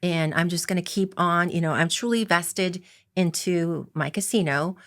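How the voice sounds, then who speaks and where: Low gravelly-voiced woman telling her story. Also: normal speed, fairly bright tone. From Coeur d'Alene reservation, Idaho, US. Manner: earnest, reflective, many um fillers. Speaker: interview guest, casino executive. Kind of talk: casual interview storytelling.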